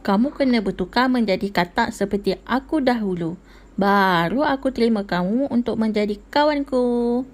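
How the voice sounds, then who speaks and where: A woman's voice: a little high, normal speed, natural voice. A woman voicing a spiteful, mocking frog in a puppet show. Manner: mocking, sarcastic.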